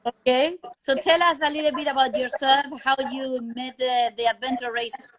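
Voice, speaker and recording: A woman's voice: high voice, steady tone, moderate pace, fairly bright tone. Woman hosting an interview. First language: Spanish. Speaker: interview host. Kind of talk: live online interview, casual. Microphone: video call.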